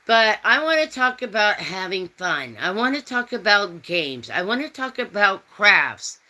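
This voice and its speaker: Female host, fifties, slow and bright, folksy chat. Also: medium pitch, big pitch swings, low-quality recording. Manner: rambling, folksy, reads out chat comments. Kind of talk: casual chat.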